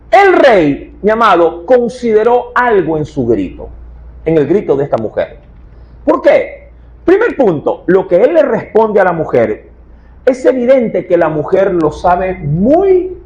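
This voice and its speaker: A male pastor preaching a dramatic Bible sermon, emphatic and direct with his listeners. His voice sits high for a man and leaps around in pitch. He takes his time, speaking slowly. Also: poor audio. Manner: keeps addressing listeners as "mi amado", dramatic and emphatic.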